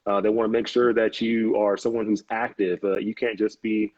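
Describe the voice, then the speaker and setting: He's a U.S. Navy officer in his thirties, appearing as a live interview guest, and his slightly mellow voice sits on the low side with an even tone at normal speed. Casual and laughing often, he peppers his talk with "um"s and restarts. Dull, lo-fi video call audio without room sound.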